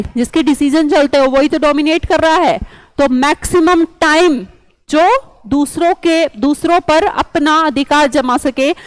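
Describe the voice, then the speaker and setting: A high-pitched woman runs an online vocabulary lesson. She coaxes and chats, quizzing her students with memory tricks. The sound is dry and close, with no room around it. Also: dry recording, rough recording. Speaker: English vocabulary teacher.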